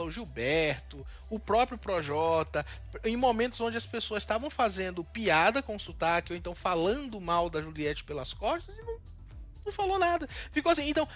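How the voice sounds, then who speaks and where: This co-host, a man from Northeast Brazil with a high, fairly bright voice, talks a lot in a casual commentary chat. He voices strong, indignant opinions and restarts his sentences often.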